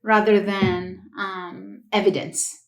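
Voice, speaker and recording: A woman's voice: medium pitch, slow pace. Greek-accented woman researcher, echoey room. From Greece. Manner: animated storytelling with fillers. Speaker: guest researcher. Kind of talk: casual interview.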